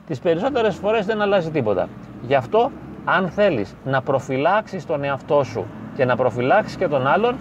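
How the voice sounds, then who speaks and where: A man, a psychologist, gives advice straight to the listener in an emphatic, repetitive way, with slow, weighty phrasing. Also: fairly high pitch. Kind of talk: direct-to-camera advice monologue. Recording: slightly dull lo-fi sound with faint street noise.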